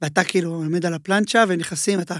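A man talking as a chef guest in a casual interview. He tells his stories in an animated way and uses a lot of filler words. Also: sits high, dry recording. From Israel.

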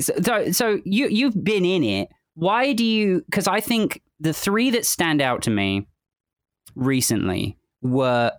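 Casting note: mid-pitched man, eager podcast host, stumbles over repeated words, dry close sound. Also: no room sound. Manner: enthusiastic, repeats words as he searches for questions. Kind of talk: casual interview chat.

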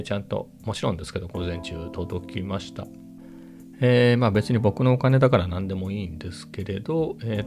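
A man with a low, gravelly voice talks casually in a rambling vlog, now and then sinking into a hushed near-whisper. Clear guitar music plays behind him the whole time. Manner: rambling, chatty, sometimes drops to a hushed low voice. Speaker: camera vlogger. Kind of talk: casual chat. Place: at home with family in next room.

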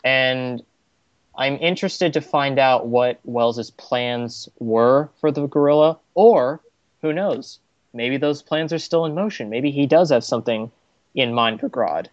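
A man's voice: mid-range voice, measured pace, no echo. Wry man on a slightly dull mic. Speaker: podcast co-host. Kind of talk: casual chat.

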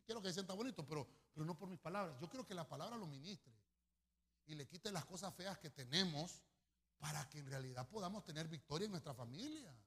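A male pastor preaches a sermon in a high, husky voice. His pitch leaps and falls all over, and he swells suddenly loud before dropping back.

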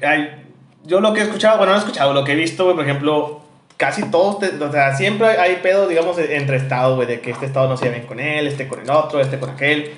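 A man from Monterrey with a northern Mexican accent co-hosts a podcast, talking quickly in a voice on the high side, with a reverberant sound. The chat is casual and slangy, full of swearing, and he says "güey" constantly.

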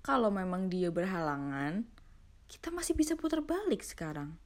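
A woman's voice: fairly low pitch, very animated, normal speed. Cautious young man at the wheel, horror storybook role, read by a woman, worried and questioning. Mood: insistent.

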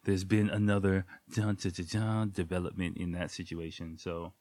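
Deep-voiced and darkish in tone, a man keeps a level delivery at normal speed as he hosts a casual solo podcast from home late at night, nose stuffed up by a cold. He rambles freely with many ums and silly sound effects, and there's no room sound.

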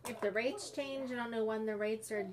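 A woman's voice: on the high side, steady tone, moderate pace, a loud crowd. A woman chatting casually with family at home, rambling and laughing easily.

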